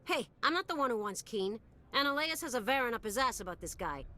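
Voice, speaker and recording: A woman's voice: fairly high pitch, animated, fast talker, pushed and bright. A woman voicing a pushy female corporate security officer in a video game, talking brashly and bossily. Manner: brash, bossy.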